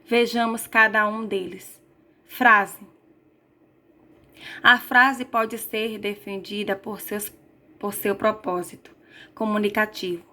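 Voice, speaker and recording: Flat-voiced Brazilian woman teaching grammar. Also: mid-range voice, takes it slowly, pauses often. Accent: Brazilian Portuguese. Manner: reads slides aloud with self-corrections. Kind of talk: recorded grammar lesson.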